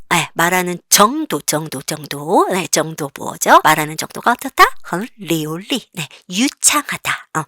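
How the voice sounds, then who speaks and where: A woman teaching a language lesson, asking questions and answering them herself, and reading example sentences slowly and clearly. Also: medium pitch, a bit bright, dry recording, studio quality.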